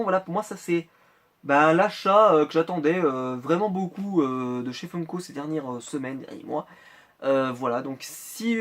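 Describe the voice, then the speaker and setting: A man from France talks on a close mic as he unboxes collectible figures. His voice sits a little high, and he rambles in a casual way, full of small hesitations and restarts. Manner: chatty, rambling with many hesitations. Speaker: Funko Pop collector vlogger.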